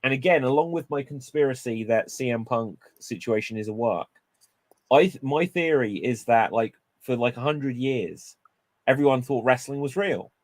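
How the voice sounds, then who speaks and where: A man co-hosting a wrestling news show, talking in a casual, animated way and spinning playful theories. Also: medium pitch, normal speed, no room sound. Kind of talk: casual chat.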